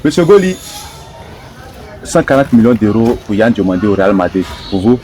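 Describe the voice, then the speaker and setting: A man's voice: fairly low pitch, big pitch swings, moderate pace, mellow. A man hosting a football debate show, introducing guests and posing long, formal questions. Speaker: host. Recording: noisy background.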